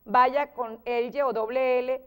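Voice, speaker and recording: A Venezuelan woman teacher with a smooth, resonant voice pitched a little high. She explains grammar patiently on a TV interview, piling up example sentences. Her delivery turns lively whenever she acts out an example. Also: takes it slowly. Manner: lively, exclaims when acting out examples. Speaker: teacher guest.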